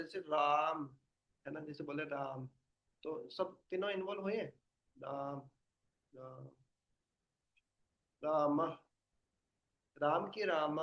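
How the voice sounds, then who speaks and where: A man's voice: high-pitched, fairly bright tone. Guy teaching a study class, patient, keeps asking the group questions, kinda muffled audio. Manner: explains patiently, quizzes listeners with questions. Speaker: spiritual teacher.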